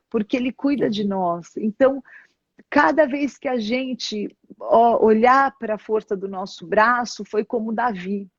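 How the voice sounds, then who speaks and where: In a mid-range voice, a woman bishop being interviewed relates a personal testimony, her accent Brazilian Portuguese. She brings the story to life by acting out each exchange. The sound is dry and dull, without any echo.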